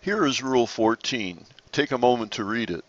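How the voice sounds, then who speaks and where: A man narrating a slide-based lesson on sailing rules in a measured, explanatory way. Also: mid-range voice, expressive, dry recording, highs cut off. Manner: measured, explanatory, occasional restarts.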